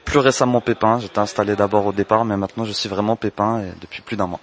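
A man in his twenties from French Guiana, answering interview questions about his business in a measured, explanatory way. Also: on the low side, fairly even intonation. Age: 20s. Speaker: entrepreneur, candle maker.

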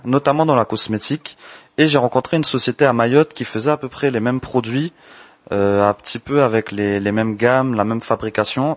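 A young man in his twenties, born and raised in French Guiana, talks through his work in a measured, explanatory tone. His voice sits at an average pitch, and the recording is dry and close, with no room sound. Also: no room sound. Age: 20s. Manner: measured, explanatory, opens answers with "alors". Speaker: entrepreneur, candle maker. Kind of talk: interview answers.

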